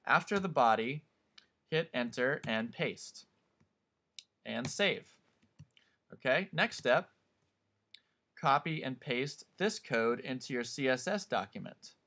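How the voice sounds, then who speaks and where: A man at a mid-range pitch guides students through a screen-recorded software tutorial. He talks calmly, explaining each step as he goes. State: hiccups. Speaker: teacher.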